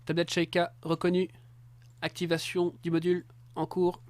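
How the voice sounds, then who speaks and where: A man's voice: fairly high pitch, completely flat delivery, moderate pace, lightly acted. A man voicing a talking tablet computer in a stiff, robotic announcement voice, dubbing it for a game stream.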